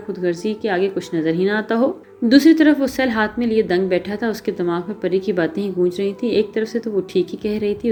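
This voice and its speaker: A woman narrating an episodic novel in a steady storytelling manner. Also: mid-range voice.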